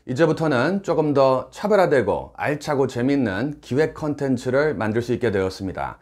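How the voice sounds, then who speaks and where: A middle-aged man who teaches English, explaining phrases clearly and with emphasis in a scripted lesson. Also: mid-range voice, expressive, moderate pace, darkish tone.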